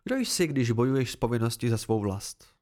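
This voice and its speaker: A man's voice: mid-range voice, sing-song, darkish tone, voice pushed down, lightly acted. Man doing a stern female sword teacher. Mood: instructive. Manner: blunt, instructive, measured. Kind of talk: amateur audiobook reading.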